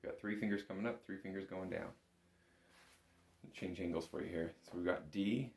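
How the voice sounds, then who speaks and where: The instructor's voice sits low and keeps a moderate pace. Patient and careful, he explains a music lesson step by step, and the echoey room lends the recording a roomy, reverberant sound.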